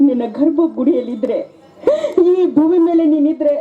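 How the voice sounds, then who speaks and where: A woman's voice: high voice, animated, moderate pace. A woman playing a grieving mother who has turned against her son, in a tearful, declamatory folk stage drama. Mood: anguished prayer. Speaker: stage actor. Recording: lo-fi live recording, loud music behind.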